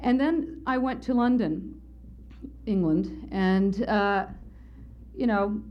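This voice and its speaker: A woman's voice: mid-range voice, slow pace. Woman, conference speaker, candid wry anecdote, muffled lo-fi recording. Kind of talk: personal anecdote in a lecture. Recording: slightly muffled lo-fi lecture recording.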